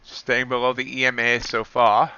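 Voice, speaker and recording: A man's voice: medium pitch, completely flat delivery, normal speed, sharp tone, clear, resonant tone, no room sound, highs cut off. A man commenting on his live futures trades, wry and self-deprecating, reading out prices as they move. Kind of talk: live trading commentary, thinking aloud.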